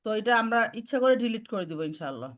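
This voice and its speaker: A woman teaching Quran recitation, mixing in English terms and demonstrating each sound slowly. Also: mid-range voice, big pitch swings. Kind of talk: online recitation lesson.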